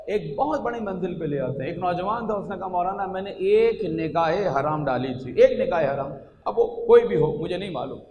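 Man preaching a fervent sermon in an echoing hall. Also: slight background noise. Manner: swings between hushed low passages and loud rising exhortations. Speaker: Shia preacher at a majlis. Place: large hall at a religious gathering. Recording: echoey hall with long reverb.

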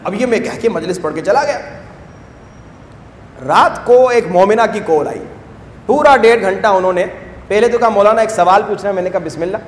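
A male cleric delivering a fervent sermon, asking rhetorical questions and rising to forceful emphasis. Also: high-pitched, lively intonation, pauses often, a little hiss or hum. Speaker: Shia cleric giving a majlis sermon. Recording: echoey hall with long reverb.

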